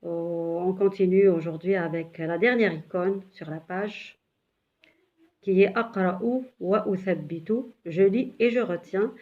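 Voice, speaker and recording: A woman's fairly low, slightly mellow voice unfolds at a measured pace, the audio missing its highs. She teaches Arabic to beginners slowly and step by step. Patient repetition of syllables is mixed with a few hesitant fillers.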